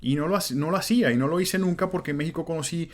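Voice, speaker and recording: A man's voice: on the high side, rapid-fire. A man in his thirties from Venezuela with a Venezuelan Spanish accent, hosting a solo podcast in an earnest, conversational way. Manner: earnest, conversational, with fillers like "este" and "pues". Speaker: podcast host. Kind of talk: reflective solo podcast monologue.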